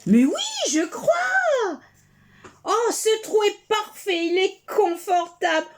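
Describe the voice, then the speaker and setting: A woman's voice: extremely high pitch, steady tone, unhurried. A woman voicing a small lost mouse, plaintive and tearful. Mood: overjoyed.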